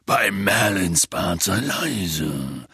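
A man voicing a huge, gruff but gentle-hearted gamekeeper with a rough, rumbling voice in an audiobook. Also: big pitch swings, no room sound, clean studio sound, full character voice. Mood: reassuring. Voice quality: rough, gravelly voice. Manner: slow, rumbling, muttering. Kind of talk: audiobook character voice.

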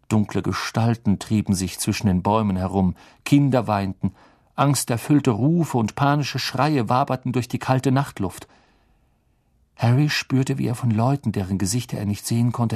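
A man narrating an audiobook in an expressive storytelling manner. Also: mid-range voice. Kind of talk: scripted narration.

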